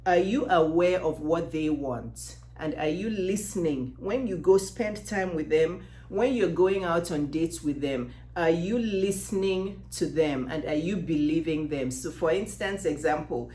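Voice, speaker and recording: Dating coach, female, Nigerian Yoruba accent. Lowish pitch, emphatic delivery full of rhetorical questions, echoey room sound. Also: measured pace, hardly any pauses, mellow. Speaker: dating advice coach and host. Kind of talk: direct-to-camera advice talk. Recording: roomy, echoing sound.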